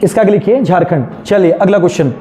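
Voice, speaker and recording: A man's voice: high-pitched, fast, mellow. A male teacher with an Indian accent dictating notes to a class, repeating each phrase for students to write and mixing in English terms. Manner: mixes Hindi with English terms; asks questions and answers them himself. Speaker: teacher of a current affairs exam class.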